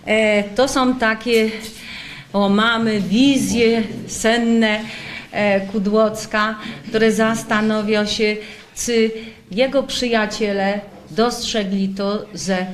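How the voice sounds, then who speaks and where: A woman's voice: medium pitch, fairly even intonation, extremely slow. Hesitant woman speaking in an echoey hall. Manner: hesitant, searching for words. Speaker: translator at a book launch. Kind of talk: casual talk at a public event. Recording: echoey hall, faint noise.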